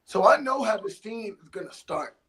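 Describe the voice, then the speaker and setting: A young man co-hosting a podcast, telling a story in a casual, animated way with slang and bursts of laughter. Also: high voice, normal speed, rough recording. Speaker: podcast co-host.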